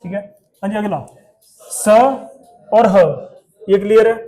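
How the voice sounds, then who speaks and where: A man's voice: high voice, steady tone, slow pace, dark tone. A male Hindi teacher, giving a classroom lesson and drilling pronunciation by asking the class questions.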